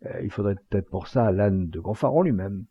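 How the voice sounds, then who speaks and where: A man's voice: on the low side, lively intonation, moderate pace, husky, dry recording. A man voicing a proud, jealous young gendarme, in an aggrieved, stiff way, in a slightly muffled home recording. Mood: rueful.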